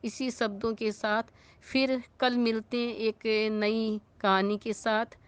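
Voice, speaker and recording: A woman's voice: a little high, steady tone, slow, smooth, no room sound. A woman telling a spiritual moral story in a conversational way, often checking in with her listeners. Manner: conversational, with frequent tag questions.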